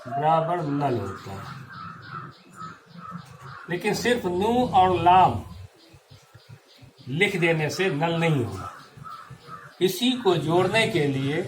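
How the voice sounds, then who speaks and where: Male teacher, grammar lesson, patient step-by-step spelling, fairly high voice, faint background hum. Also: low-quality recording. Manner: slow, patient, spells out letters and marks.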